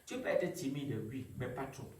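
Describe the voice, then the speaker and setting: Male preacher, lively call-and-response delivery, distant mic with light background noise. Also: mid-range voice, moderate pace. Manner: animated, call-and-response with the congregation. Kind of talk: sermon. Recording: echoey room, mic far off.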